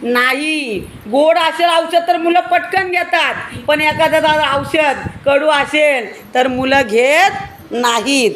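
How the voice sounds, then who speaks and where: A woman with a fairly high voice and a Marathi accent leads a class of small children. She keeps quizzing them and coaxing them to speak up. A faint hiss of noise sits under her voice. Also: slow pace. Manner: questioning, coaxing children to answer louder. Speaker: preschool teacher. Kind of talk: classroom teaching to young children.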